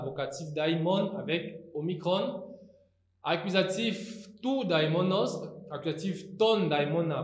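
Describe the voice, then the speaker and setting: Male teacher, slightly high voice, very slow deliberate delivery; echoey room. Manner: slow, deliberate, spells out forms with hesitations. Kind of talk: recorded Greek grammar lesson.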